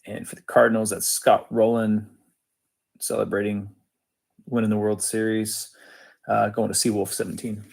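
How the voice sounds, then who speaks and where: A man's voice: fairly low pitch, level tone, normal speed, gravelly, long pauses, a little mellow, breathy edge. A man hosting a sports card break, reading out cards in casual, matter-of-fact, clipped phrases.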